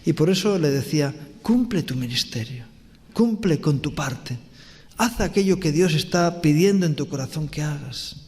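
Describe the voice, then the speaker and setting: A man's voice: on the high side, animated, darkish tone. Man preaching with long church reverb. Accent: Spanish from Spain. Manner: earnest preaching, pauses and restarts, rhetorical questions. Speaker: pastor. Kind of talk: sermon. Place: church hall.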